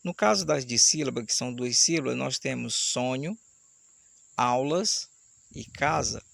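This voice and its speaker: A man teaching an online Portuguese grammar lesson, explaining step by step and slowing down to sound out syllables. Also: mid-range voice, creaky, a bit bright, no echo. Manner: explanatory, slows down to spell out syllables. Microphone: camera mic, camera switched off.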